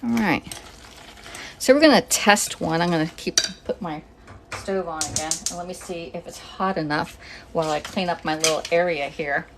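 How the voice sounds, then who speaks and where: A woman from Northeast Pennsylvania hosts a casual live cooking stream from her home kitchen, recorded on a phone camera with background noise. Her voice is on the low side at a normal speed, and she chats, greets viewers by name, and sounds a little out of breath.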